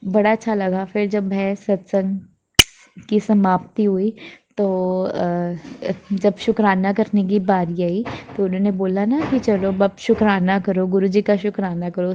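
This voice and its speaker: A woman's voice: medium pitch, mellow, muffled recording, slight background noise. Earnest young woman giving grateful thanks. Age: 20s. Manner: earnest, grateful, repeats thanks, mixes in English words. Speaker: devotee sharing a testimony. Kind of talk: devotional testimony, casual chat. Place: at home before a shrine.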